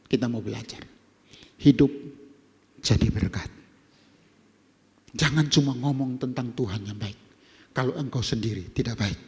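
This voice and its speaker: A male pastor, preaching an emphatic sermon that swings between loud exhortation and quiet asides. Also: mid-range voice. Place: church hall. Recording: long church hall reverb.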